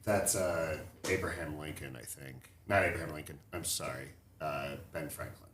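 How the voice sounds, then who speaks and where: Halting deep-voiced man in an echoey room. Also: background noise. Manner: hesitant, full of restarts and fillers. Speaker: podcast co-host. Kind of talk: casual chat.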